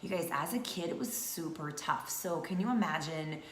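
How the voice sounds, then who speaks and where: A woman's voice: low voice, normal speed. A woman in her thirties from North Georgia, chatting casually to camera as a vlogger with many fillers. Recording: echoey room with faint noise.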